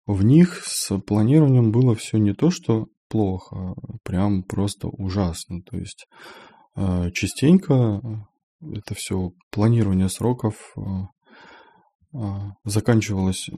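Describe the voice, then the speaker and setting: A man's voice: lowish voice, gravelly, warm tone, husky. A man, an IT developer, talking through his work experience in a plain-spoken monologue, thinking aloud. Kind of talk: casual monologue.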